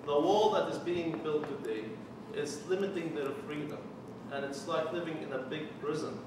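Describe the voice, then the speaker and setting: A Palestinian man in his forties with a Palestinian Arabic accent, a church mission developer, gives an earnest personal testimony to a committee, sprinkled with wry jokes. His voice is on the high side at a moderate pace, recorded from far off in an echoey, noisy room.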